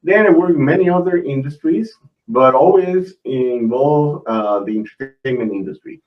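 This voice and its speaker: A man's voice: mid-range voice, animated, normal speed, distant mic. A man from Puerto Rico, a guest chatting casually in an interview, hesitant, with fillers and restarts. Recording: lo-fi, from off the mic.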